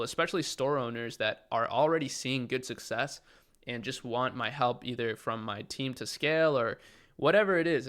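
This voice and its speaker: A young Chilean man hosts an e-commerce channel, chatting casually to the camera. His medium-pitched voice is a bit bright, and he sounds upbeat and enthusiastic, filling his speech with lots of fillers.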